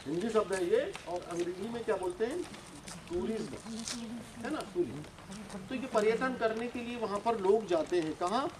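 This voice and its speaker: A man in his sixties, a retired forest officer, teaching schoolchildren outdoors in a forest, quizzing them and urging quick answers. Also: sits high, lively intonation. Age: 60s. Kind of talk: outdoor nature lesson to schoolchildren. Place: outdoors in a forest with a group of children. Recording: noisy outdoor recording.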